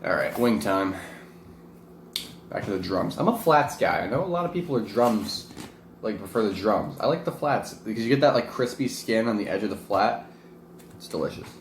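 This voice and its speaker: The vlog host, an amateur wrestler, has a low voice with lively intonation and a normal pace as he chats to camera over hot wings. He rambles somewhat and makes fun of himself, and the recording carries a roomy echo and faint background noise.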